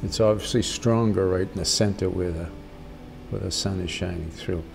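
An older man giving a casual watercolor tutorial as a gentle, encouraging, unhurried painting instructor. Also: deep voice, gravelly, faint music behind.

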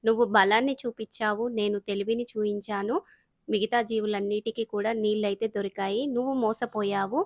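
A woman's voice: medium pitch, fairly even intonation, moderate pace, dry recording, clean studio sound, close to an everyday voice. A woman voicing a clever, bold female crow in a cartoon story, scolding and lecturing. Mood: stern. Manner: scolding, preachy.

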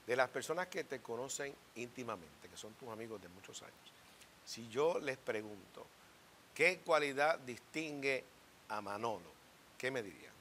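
A man, moderating and asking measured, friendly questions. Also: medium pitch, expressive, fairly bright tone, a little hiss or hum. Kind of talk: interview questions.

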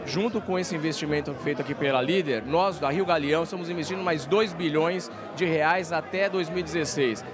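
A man's voice: on the high side, a little fast, hardly any pauses. A Brazilian man in his forties gives promotional interview answers as a company representative into a handheld microphone. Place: indoor reception event at a hangar. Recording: busy event crowd chatter behind.

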